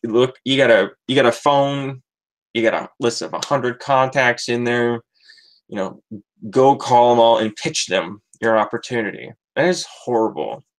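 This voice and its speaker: American man, mid-pitched, casual testimonial storyteller, rambling and full of fillers. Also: moderate pace, rough recording. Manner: rambling, heavy use of fillers like "like" and "you know". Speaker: network marketing member sharing his story.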